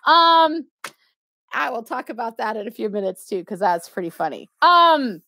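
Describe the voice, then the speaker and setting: A woman's voice: a little high, lively intonation, normal speed, creaky, sharp tone, no room sound, clean studio sound. A middle-aged woman chatting casually on a livestream, sassy and snarky, laughing often and filling gaps with lots of ums. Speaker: YouTube live streamer.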